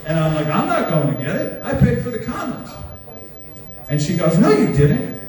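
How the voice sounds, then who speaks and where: A man's voice: high-pitched, sing-song, moderate pace, darkish tone. A man doing a crude, self-mocking stand-up set, telling stories and laughing along. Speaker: stand-up comedian. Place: large hall with live audience. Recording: echoey hall, from far off.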